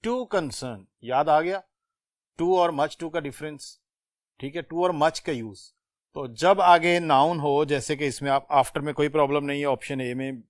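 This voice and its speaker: A man's voice: fairly high pitch, no room sound, studio quality. A man teaching a test-prep English lesson, working through exam questions step by step and quizzing his students. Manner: explains grammar step by step, asks students questions.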